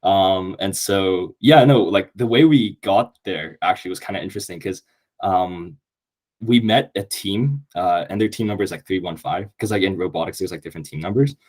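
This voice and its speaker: A young Canadian man, an incoming university student, is a guest on a casual podcast, talking eagerly and upbeat with many fillers. His voice is deep with a darkish tone at a normal speed.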